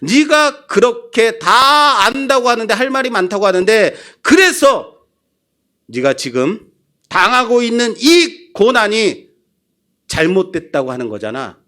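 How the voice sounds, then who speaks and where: A man voicing God as an older male deity who scolds and challenges with rapid-fire taunting questions. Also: very high voice, lively intonation, a bit bright, pitched above the performer's own voice. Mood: indignant.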